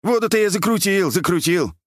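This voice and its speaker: A man voicing an old male dam watchman, a war veteran who shouts, wails and fusses. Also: high voice, expressive, fairly quick, no echo, clean studio sound, pitched above the performer's own voice. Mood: lamenting. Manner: wailing, shouting, fussing.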